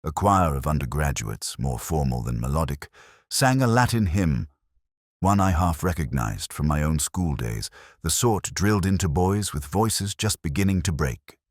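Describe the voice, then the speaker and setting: A man voicing a weary, brooding middle-aged police inspector, narrating a mystery in the first person in a measured, reflective way. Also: a bass voice, expressive, no echo, clean studio sound.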